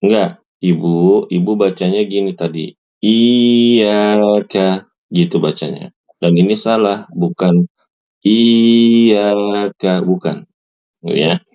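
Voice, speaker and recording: A man guides a small recitation class, patiently repeating each phrase himself. His voice sits very low and unhurried, with a mellow, soft tone. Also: steady tone. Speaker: Quran recitation teacher. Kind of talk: online recitation lesson.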